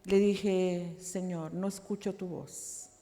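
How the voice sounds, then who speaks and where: Emotional woman pastor, mellow voice. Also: on the low side, steady tone, takes it slowly. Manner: emotional, dramatic storytelling with repeated phrases. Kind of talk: testimony sermon. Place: large church hall. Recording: reverberant church hall.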